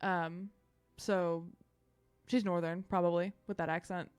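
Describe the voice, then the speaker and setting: A woman's voice: lowish voice, level tone, unhurried, clean tone. Chatty woman game master narrating. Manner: chatty, loosely improvised with many fillers.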